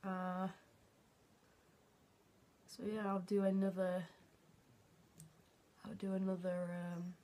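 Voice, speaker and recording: A young man recording a casual video diary at home, halting and hesitant, often trailing off into a near-whisper at the ends of his phrases. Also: high-pitched, monotone, darkish tone. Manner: hesitant, halting, with many fillers and restarts. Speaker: vlogger. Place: at home, indoors.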